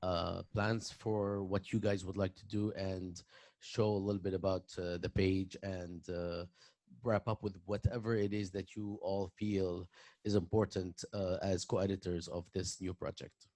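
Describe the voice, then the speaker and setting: A man moderating a video-call panel, polite and halting, with many fillers. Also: sits low, level tone, dark tone, dry recording.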